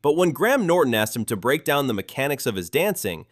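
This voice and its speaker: A man's voice: mid-range voice, sing-song, fast talker, slight background noise. A man reading scripted narration for a video.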